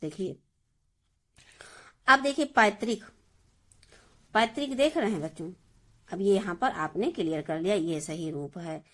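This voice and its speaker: A woman's voice: mid-range voice, animated, a little slow, pauses often, a bit bright. A woman Hindi teacher giving a grammar lesson, explaining step by step and repeating each word for her students. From India.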